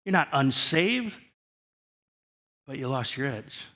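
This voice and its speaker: A male pastor preaching a sermon in a church, speaking to the congregation in earnest and often restarting his sentences, his voice falling soft at the ends of phrases. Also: mid-range voice, very animated, slow. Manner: earnest, repetitive direct address with frequent restarts.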